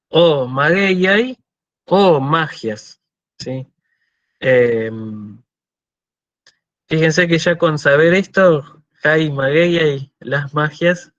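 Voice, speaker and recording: A man with an Argentine Spanish accent giving a university lecture, explaining patiently and often checking "¿sí?", slowing down to spell out forms. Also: fairly high pitch, a bit bright, no room sound, muffled recording. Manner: explanatory, checks understanding with frequent "¿sí?"; slows to spell out Greek forms. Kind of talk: online lecture.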